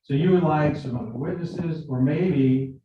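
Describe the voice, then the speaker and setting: Over a video call, a man questions potential jurors during jury selection, speaking conversationally and explanatorily and often repeating his words. His voice is a little high and a little slow, captured from a distance with heavy reverb, cut-off highs, and slight background noise.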